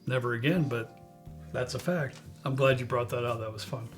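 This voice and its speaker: A middle-aged man hosting a casual bourbon chat, telling his stories with emphatic, drawn-out phrases. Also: mid-range voice, faint music behind. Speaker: bourbon show host.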